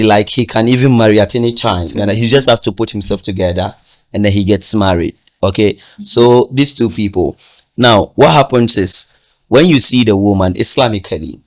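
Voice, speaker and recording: A man giving advice in a casual podcast discussion, emphatic and repetitive, checking that listeners follow him. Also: medium pitch. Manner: emphatic, repeats "do you understand?", laughs often.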